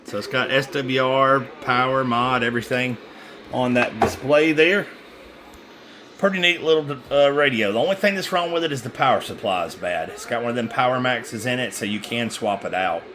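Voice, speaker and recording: Recorded on a handheld phone with clear background noise, a man at medium pitch and normal speed casually demonstrates used radio equipment he's selling. The unscripted demo is hesitant and rambling, and he often corrects himself.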